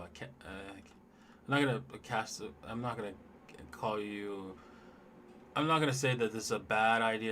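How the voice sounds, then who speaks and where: A man's voice: lowish voice, fairly bright tone, a little hiss or hum. A man hosting a casual livestream, talking loosely and in a rambling way straight to his viewers as he looks over charts. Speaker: livestream host.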